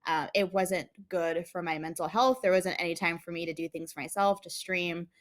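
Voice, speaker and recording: A woman's voice: fairly low pitch, steady tone, moderate pace. A young woman from the United States, a guest in a casual interview, who talks in a chatty way with many fillers and frequent laughs.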